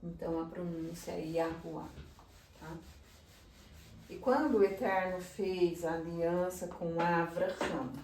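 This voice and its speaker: A woman slowly explaining Hebrew names, checking in with her listeners as she teaches. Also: on the low side, steady tone, darkish tone, recorded from a distance, slight background noise. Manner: slow, explanatory, often checks in with "tá?". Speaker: religious teacher. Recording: echoey room, voice a bit off-mic.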